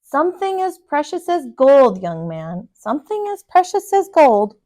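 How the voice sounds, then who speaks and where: Storybook role: kindly old neighbour, high-pitched, slow emphatic wisdom for a child acted by a woman. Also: big pitch swings, warm tone. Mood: kindly, wise.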